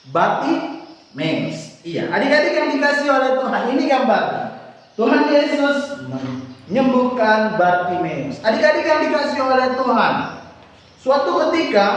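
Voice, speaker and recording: A man telling a Bible story to children at a Sunday service, asking them questions as he goes. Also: extremely high pitch. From Indonesia. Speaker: Sunday school teacher. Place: church hall. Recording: echoey hall from far off.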